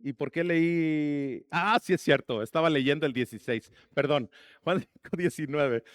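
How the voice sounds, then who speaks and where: A man's voice: fairly high pitch, a little slow, dry recording, clean studio sound. A man preaching a sermon as pastor, asking the congregation questions and slipping in jokes. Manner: asks the congregation questions and jokes between points.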